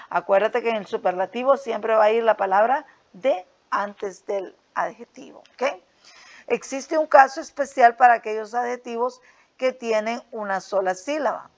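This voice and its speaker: A woman with a slightly high voice walks her students through a grammar worksheet in a patient, repetitive teaching manner. She keeps checking their understanding as she goes. The recording sounds dull and lo-fi. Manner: patient, repeats "¿ok?" and "¿verdad?" often. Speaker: English teacher.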